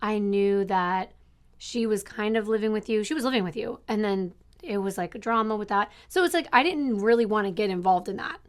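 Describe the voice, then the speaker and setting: A woman in her forties, co-host of a couple's channel, telling a rambling, animated story in casual chat. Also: medium pitch, fairly quick. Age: 40s.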